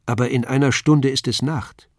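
A man's voice: mid-range voice, fairly even intonation, normal speed, dry recording, studio quality, close to an everyday voice. A man voicing an earnest, eager young journeyman. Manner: earnest, urgent. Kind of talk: audiobook character voice.

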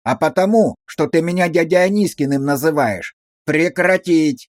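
A man's voice: fairly high pitch, normal speed, no echo, natural voice. Man doing a strict village cop, short bossy phrases, dry close sound. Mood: stern. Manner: curt, commanding. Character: stern rural police officer, gruff and dry.

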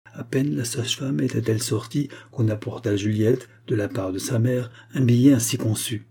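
A man narrating a classic novel aloud in a measured, even storytelling manner. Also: mid-range voice, gravelly, slightly rough. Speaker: audiobook narrator. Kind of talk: scripted literary narration.

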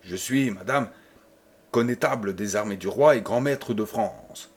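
A man voicing a cold, menacing old nobleman who speaks with sinister calm. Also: medium pitch, normal speed, husky. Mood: coldly menacing.

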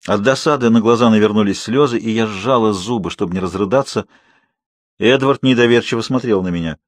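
A man narrating an audiobook in a steady, measured storytelling manner. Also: lowish voice, no echo, studio quality. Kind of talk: scripted narration.

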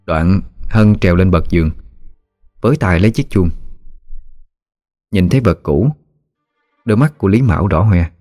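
A man narrating a story in a calm, measured storytelling voice. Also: low-pitched, no echo, studio quality, faint music behind.

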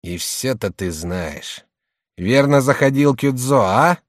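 Audiobook: man as a blustering middle-aged shopkeeper, gruff and bullying. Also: mid-range voice, expressive, slow, no echo, clean studio sound. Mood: placating. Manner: gruff, by turns placating and bullying.

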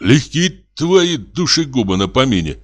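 A man's voice: mid-range voice, very animated, measured pace, pitched above the performer's own voice. A man reading an audiobook, voicing a bold, impatient hunter who speaks in urgent commands.

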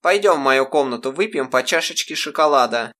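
A man's voice: mid-range voice, expressive, a little fast, sharp tone, voice pushed up. A man voicing a doting, anxious mother with a coddling, pleading manner in an audiobook. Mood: coaxing.

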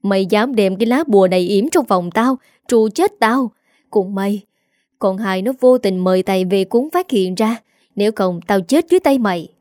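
A domineering old matriarch from a storybook, put on by a woman narrator, scolding harshly in a rage. The tone is mellow and dark, with a dry, close sound. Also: mid-range voice, moderate pace, no room sound, lightly acted. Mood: furious. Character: old wealthy mother-in-law, furious and domineering.

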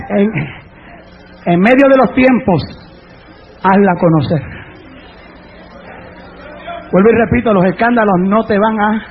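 A man preaching a fiery Pentecostal sermon, shouting repeated exclamations and then settling into earnest talk. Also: very high voice, a little hiss or hum. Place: church service with congregation. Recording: muffled service recording with music and crowd.

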